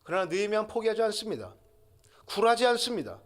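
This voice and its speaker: A man's voice: sits high, sing-song, fast. A man preaching a sermon as pastor, with rising emphatic peaks, leading the congregation in call-and-response.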